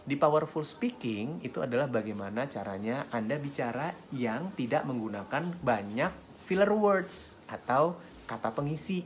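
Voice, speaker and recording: A man teaching public speaking in a friendly, lively way, swinging his pitch up and down to show intonation. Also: moderate pace, a little hiss or hum. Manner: friendly, chuckles between points. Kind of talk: instructional talk to camera.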